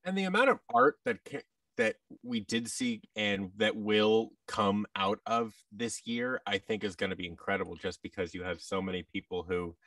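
This guest, a voice actor and audio drama producer from the United States in his thirties, chats casually with dry, self-mocking wit. His fairly low, bright voice is expressive at a moderate pace. The audio is dry and distant, from a boom-arm mic and headset in a large studio room over video call.

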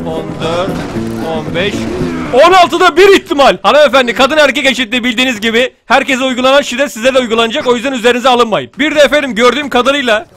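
A young man with a high voice narrates gameplay in a casual, joking way, often breaking into loud outbursts. Music plays clearly behind him throughout. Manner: excitable, jokey, bursts into shouts and laughs. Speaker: gaming YouTuber.

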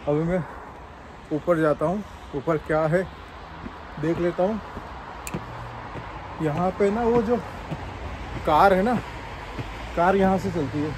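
A man from Gujarat, India, films a walking tour vlog and keeps excitedly telling viewers to look around. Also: sits high, slow, pauses often, background noise. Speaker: travel vlogger. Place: underground cafe, then outdoors on city streets. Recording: music playing behind the voice.

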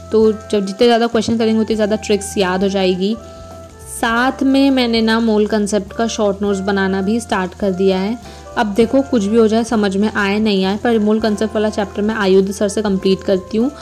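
A woman's voice: medium pitch, darkish tone. A young adult woman narrating her study day in a casual, rambling way, often correcting herself. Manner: chatty, rambling, self-correcting. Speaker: vlogger, exam student.

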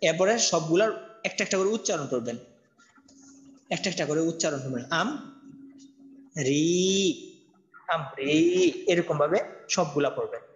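A man with a high voice teaches Quran reading online and walks his students through each word letter by letter in a steady, drilled cadence. The sound is dull and lo-fi, like a muffled online class. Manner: spells letters and vowels slowly in a drilled, repetitive chant. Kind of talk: online tajweed lesson.

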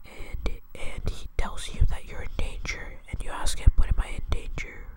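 A young man hosting his channel in a hesitant whispered role-play, rambling and jokey, with many fillers and restarts. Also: moderate pace. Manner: jokey, crude. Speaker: channel host. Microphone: close mic.

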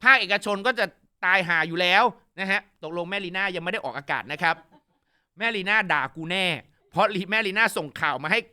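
A man hosting a casual news commentary show, animated and gossipy with crude jokes. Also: high-pitched, brisk, smooth.

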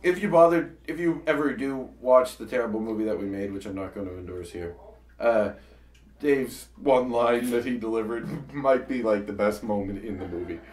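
A man's voice: on the low side, moderate pace, a little mellow, far from the mic. A man co-hosting a talk about his comedy web series, chatting casually and often restarting his sentences. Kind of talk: casual chat. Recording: echoey room, voice a bit off-mic.

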